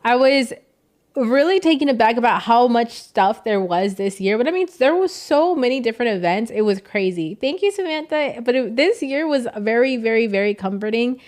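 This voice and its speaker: Young woman streamer, higher voice, rambling and heartfelt, casual live chat. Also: animated, moderate pace, darkish tone. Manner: emotional, rambling, reads out chat.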